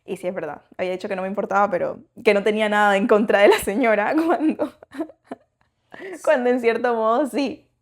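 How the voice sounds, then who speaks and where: A woman's voice: medium pitch, fairly quick. A young woman co-hosting a podcast, telling a personal story in casual chat with lots of fillers and restarts. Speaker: podcast co-host.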